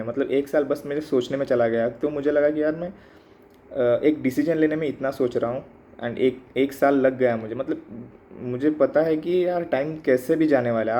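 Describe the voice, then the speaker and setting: This exam-aspirant vlogger, a man in his mid-twenties, has a dark, mid-range voice. He offers a hesitant, reflective, casual monologue with many fillers, moving between Hindi and English, captured on a muffled, slightly lo-fi recording with faint noise in the background.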